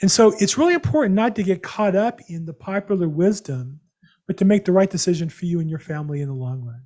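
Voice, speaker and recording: A man's voice: high-pitched, lively intonation, quick pace, a little mellow. A man hosting a live real estate seminar over a video call, chatty and rambling with many fillers. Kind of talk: live webinar presentation.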